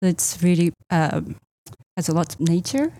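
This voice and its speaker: A woman's voice: fairly low pitch, lively intonation, measured pace, dark tone. A middle-aged woman from Japan, a real estate agent answering interview questions in a hesitant way, with many fillers.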